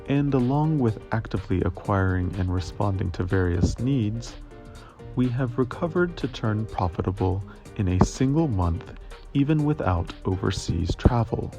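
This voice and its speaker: Interpreter translation voice-over: man, lowish voice, measured and formal, faint music underneath. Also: warm tone. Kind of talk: scripted reading of financial results.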